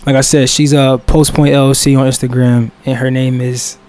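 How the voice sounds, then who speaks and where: A man's voice: mid-range voice, little pitch movement, moderate pace, darkish tone. A man hosting a casual podcast with friends, talking in loose, slangy banter. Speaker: podcast host. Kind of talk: casual chat.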